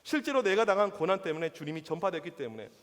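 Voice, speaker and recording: A man preaching as a youth pastor, emphatic and animated, in a church hall. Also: high voice, fast. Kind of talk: sermon.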